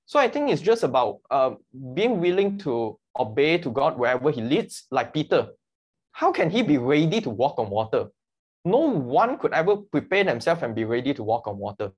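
A man's voice: medium pitch, big pitch swings, moderate pace, breathy edge, lo-fi sound. A man speaking as a guest about his work as a mission mobilizer, earnest and explaining with analogies. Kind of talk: conversational interview.

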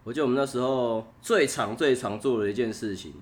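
A man's voice: mid-range voice, fast. A young man with a Taiwanese Mandarin accent, a podcast guest telling funny stories in casual chat and laughing often.

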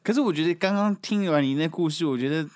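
A man's voice: a little high, fast talker. A man asking blunt, teasing questions and telling stories in casual chat.

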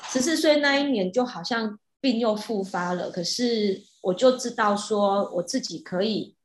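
A woman telling a personal story in a casual way. She is animated and often restarts her sentences, with soft fillers. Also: medium pitch, normal speed. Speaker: hypnotist. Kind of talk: casual storytelling of a past-life regression. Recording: roomy echo.

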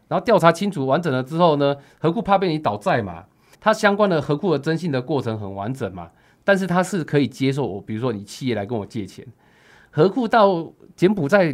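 A man with a Taiwanese accent speaking as an interview guest, explaining things conversationally with rhetorical questions and emphatic sentence endings. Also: on the high side. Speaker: guest investment commentator.

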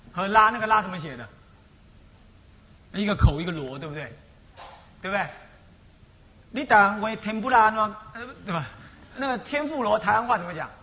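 Lively high-voiced monk lecturing with Taiwanese accent. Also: male voice. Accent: Taiwanese Mandarin. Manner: keeps asking the audience rhetorical questions; jokey, chuckling asides. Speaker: Buddhist abbot lecturing on a sutra. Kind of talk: Buddhist sutra lecture.

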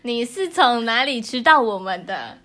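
A woman's voice: a little high, sing-song, moderate pace, sharp tone. A woman with a Taiwanese accent hosting a podcast in casual, playful, teasing chat. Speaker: podcast host.

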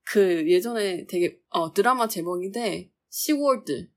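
A woman's voice: medium pitch, animated, a little slow. Chatty young woman podcast co-host. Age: young adult. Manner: chatty, laughs often, muses aloud. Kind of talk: casual chat.

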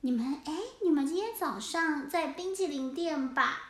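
A woman's voice: high-pitched, roomy sound. A woman playing a kind little penguin. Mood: eager. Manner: bright, hurried and caring. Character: kind little child penguin, eager and helpful.

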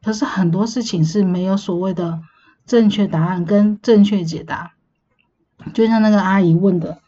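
A woman's voice: medium pitch, normal speed, warm tone. A young adult woman with a Taiwanese Mandarin accent, hosting a solo podcast and ranting with rhetorical questions. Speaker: podcast host. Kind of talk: casual solo venting monologue. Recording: slightly muffled with faint hiss.

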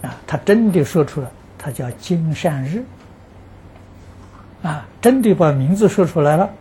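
Mellow man giving an unhurried dharma talk. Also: on the high side, lively intonation, a little hiss or hum. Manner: peppers speech with drawn-out "ah" fillers; earnest, stresses that the account is true. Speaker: Buddhist teacher answering practitioners' questions.

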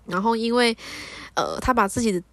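A woman's voice: a little high, a little fast, no echo. A woman hosting a podcast, casually telling a dream story and acting out the dialogue. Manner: animated, acts out the dialogue. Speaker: podcast host.

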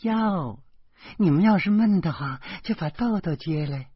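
A man voicing a cheerful, quick-witted young wife who teases with quick comebacks, on a slightly muffled recording. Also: high-pitched, expressive, slightly rough, no echo, voice pushed up, exaggerated voice. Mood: teasing. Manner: bright, teasing, quick comebacks.

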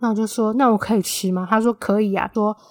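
A twenty-year-old woman with a Taiwanese Mandarin accent hosts her solo podcast, chatting casually in a fast, mid-range voice. She's chatty and gets animated when quoting friends. The recording is dry, with clean studio sound.

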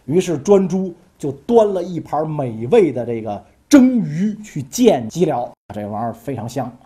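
Brief: woman storyteller, dark mellow voice, very lively, jokey asides. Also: sits low, normal speed. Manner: jokey, chatty asides to listeners. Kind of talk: colloquial history storytelling.

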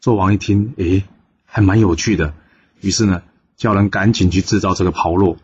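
A man with a very low voice tells an old tale aloud and shifts his voice for each character. The recording sounds dull and lo-fi, with a faint hiss underneath. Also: steady tone, moderate pace, a little mellow. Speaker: storyteller. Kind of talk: storytelling narration with voiced dialogue.

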